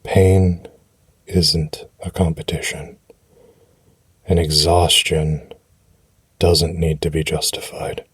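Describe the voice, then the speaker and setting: A man speaking soothing affirmations for rest in a deep, husky, breathy voice, gently and reassuringly, with unhurried pauses, close to the mic. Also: little pitch movement, dry recording. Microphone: close, dry microphone.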